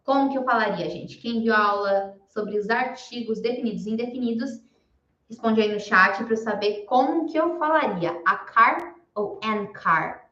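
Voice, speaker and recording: A woman's voice: a little high, fairly bright tone, echoey room, lo-fi sound. A young adult woman teaching English to beginners in a live online class, speaking patiently and repeating each word so students can follow. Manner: slow, patient drilling with repetition.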